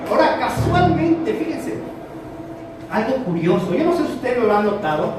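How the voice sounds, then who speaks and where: A man preaching a sermon to a congregation, animated, swinging between loud and soft. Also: extremely high pitch, moderate pace, noisy background. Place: church hall with congregation. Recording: echoey hall, from far off. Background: congregation answering.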